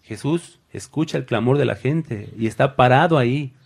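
A man's voice: medium pitch, normal speed, gravelly, husky. Spanish-language male preacher giving a sermon. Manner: acts out Bible figures with sudden loud cries; addresses listeners as brothers.

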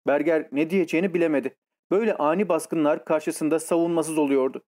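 A man reading an audiobook in scripted narration, telling the story in a measured, even way. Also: a little high.

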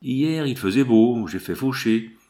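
A man voicing a middle-aged farmer who complains slowly and plaintively. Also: medium pitch, animated, warm tone. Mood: complaining.

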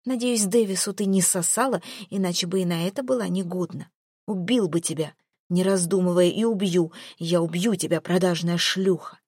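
A woman's voice: lowish voice, moderate pace, darkish tone, husky, dry recording, clean studio sound. A woman reading a cruel, jealous male lover. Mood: menacing. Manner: hissing, menacing, crude. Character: cruel, furious man lover, contemptuous and jealous. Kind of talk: audiobook character voice.

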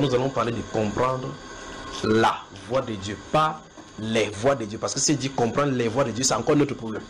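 A man's voice: mid-range voice, a little hiss or hum, low-quality recording. A man preaching a sermon in a house church, often repeating his points and asking his listeners whether they follow. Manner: repetitive, questioning the listeners directly.

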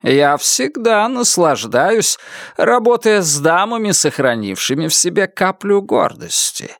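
A man reading an audiobook, voicing a sinister shopkeeper who speaks softly and slowly. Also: sits high, sing-song, dry recording, studio quality, pitched above the performer's own voice, exaggerated voice. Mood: coaxing. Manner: soft, slow, coaxing. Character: soft-spoken sinister older shopkeeper, man. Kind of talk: audiobook character voice.

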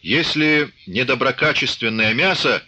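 A man's voice: medium pitch, unhurried, sharp tone, voice pushed up. A man playing a stern Cossack commander. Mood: stern commanding. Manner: curt barked orders. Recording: dull lo-fi recording.

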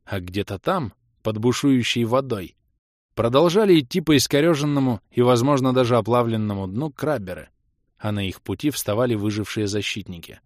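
A man narrating a first-person fantasy game audiobook in a dramatic, steady storytelling manner. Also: mid-range voice, moderate pace, no echo, clean studio sound.

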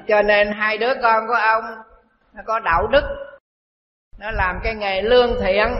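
A man preaches a dharma talk in a high, unhurried voice. He talks like a storyteller and circles back over his own phrases. The sound is dull and lo-fi, with long reverb and a faint hiss. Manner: slow storytelling with repeated phrases. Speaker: Buddhist monk teacher. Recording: dull echoey hall recording with faint hiss.

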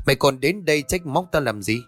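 A man's voice: on the high side, expressive, a little fast. A man voicing a cruel, frightened old rich woman who stammers and barks harsh orders.

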